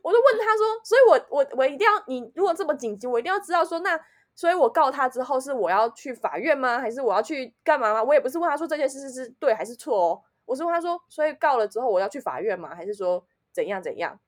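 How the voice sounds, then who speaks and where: A podcast co-host with a Taiwanese Mandarin accent tells a personal story in casual chat, talking fast. She's animated, swinging between loud outbursts and low muttering.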